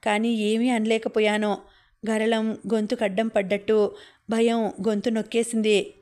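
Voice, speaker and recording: A woman narrating a novel in the first person as an audiobook reader, with steady, measured storytelling. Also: a little high.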